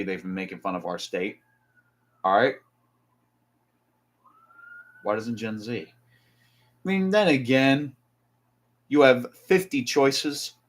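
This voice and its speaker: A man's voice: mid-range voice, slow, pauses often. A man from New Jersey chatting casually on a live stream, rambling with restarts and asides while reading definitions aloud.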